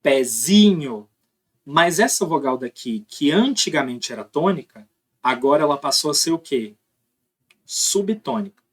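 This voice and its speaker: A man's voice: a little high, big pitch swings, normal speed, slightly rough. A young man teaching a recorded class. He explains step by step and keeps checking that students follow him.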